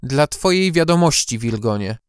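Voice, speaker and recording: A man's voice: mid-range voice, very animated, moderate pace, darkish tone, no room sound, studio quality, natural voice. A man voicing a clever female owl-like warrior who hoots, coaxes and stays firm in an audiobook. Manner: hooting, coaxing, firm. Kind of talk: audiobook character voice.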